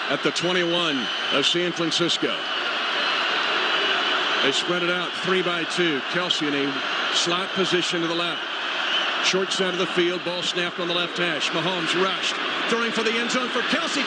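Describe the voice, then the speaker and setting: Over a roaring stadium backdrop, a high-voiced man gives live football play-by-play commentary for radio.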